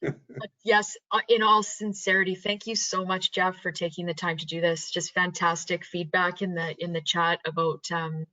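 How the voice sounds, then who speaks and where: A woman hosting a webinar over a video call. She is effusive and thanks her guests warmly. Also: fairly low pitch, little pitch movement, normal speed, no echo. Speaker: webinar host. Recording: dry, dull lo-fi webinar audio.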